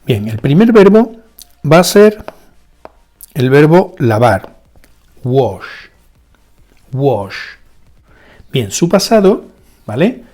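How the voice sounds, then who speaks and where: A man teaching a spoken language lesson, going slowly and deliberately, repeating each example word and checking in with rhetorical questions. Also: fairly high pitch, very animated, warm tone. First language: Spanish. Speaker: English teacher.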